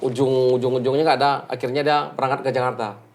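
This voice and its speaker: Halting man. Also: medium pitch, fairly even intonation. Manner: halting, full of restarts, acts out quoted speech. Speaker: interviewee. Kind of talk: casual recounting in an interview.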